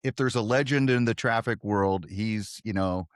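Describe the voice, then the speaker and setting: Low-voiced man hosting a relaxed interview. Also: moderate pace, dry recording, studio quality. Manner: relaxed, chummy, laughs along. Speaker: podcast host, former radio colleague. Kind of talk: casual interview chat.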